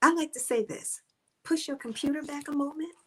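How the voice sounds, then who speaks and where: A woman's voice: high-pitched, a little fast, low-quality recording. A middle-aged woman giving an encouraging, faith-based talk to camera as a speaker and author, repeating her points and dropping to a near-whisper at times. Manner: earnest, repetitive and coaching, drops to a soft near-whisper at times.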